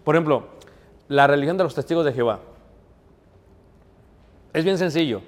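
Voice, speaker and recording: A man's voice: a little high, moderate pace, big-room sound. A man preaching a sermon, earnest and emphatic, calling his listeners brothers. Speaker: pastor.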